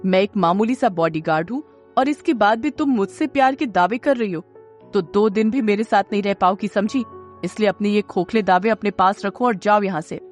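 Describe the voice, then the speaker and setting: A cold young bodyguard snaps out scolding threats in an audio drama, as a woman narrator puts him on. His voice sits at a middle pitch and stays harsh and clipped. Faint music plays underneath. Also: normal speed, lightly acted. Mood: angry.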